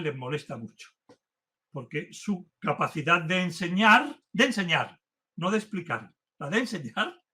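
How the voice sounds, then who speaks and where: A man giving an earnest philosophy lecture, speaking with growing emphasis as he warms to his subject. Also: fairly high pitch. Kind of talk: university-style lecture. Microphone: remote talk to a virtual audience.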